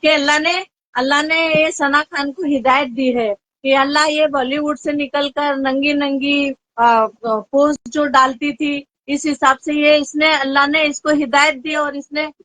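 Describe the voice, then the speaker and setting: Woman, high voice, emphatic repeated agreement, dry close sound. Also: fairly even intonation, measured pace, a bit bright, no room sound. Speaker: guest, fraud victim. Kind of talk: casual chat.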